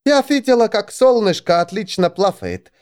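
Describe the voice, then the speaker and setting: A man voicing a crude, boisterous female warrior in an audiobook, pitching his voice up. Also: expressive, normal speed, clean tone. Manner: loud, crude, exaggerated high voice.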